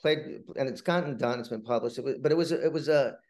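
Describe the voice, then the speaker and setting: A middle-aged male playwright, interviewed, relates stories in an informal, hesitant, rambling manner, commonly repeating words. He has a medium-pitched, slightly mellow voice.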